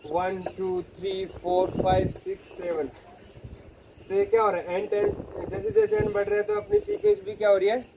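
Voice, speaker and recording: A man's voice: high-pitched, expressive, moderate pace, creaky, noisy background. A man teaching a math lecture, explaining step by step and often asking his students questions. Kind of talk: classroom lecture.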